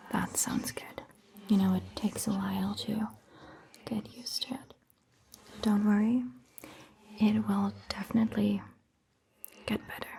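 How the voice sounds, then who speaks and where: In a whispered, breathy ASMR roleplay, a woman plays a gentle, reassuring vampire doctor. Her medium-pitched voice carries a little hiss or hum, and she explains things slowly, soothingly and patiently.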